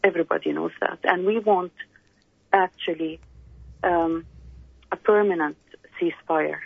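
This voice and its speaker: An older woman from the Palestinian diaspora, a candidate speaking slowly and haltingly in a radio interview over the phone. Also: on the low side, vocal fry, breathy edge, no echo. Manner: slow, halting, many pauses and fillers. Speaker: political candidate guest. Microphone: phone call. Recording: tinny phone line.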